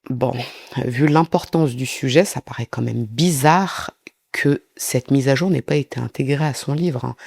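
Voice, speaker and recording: A man's voice: mid-range voice, vocal fry, darkish tone, slightly rough, no room sound, clean studio sound. A man telling a true-crime story in a casual, chatty way, breaking off for asides to his viewers.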